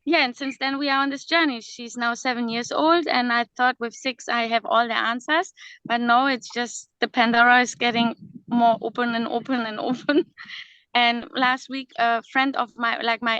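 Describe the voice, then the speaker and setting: A woman in her thirties, born in Slovakia and raised in Germany, chats in English on a casual video call as a guest who is a worldschooling mother. Her fairly high voice is steady, sharp, clear and resonant at a normal speed, with non-native phrasing, hesitation and frequent laughter. The recording is dry but muffled.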